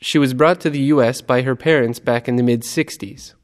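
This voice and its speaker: A man reading scripted dialogue lines for a language lesson in a plain, measured delivery. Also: mid-range voice. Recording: reverberant room.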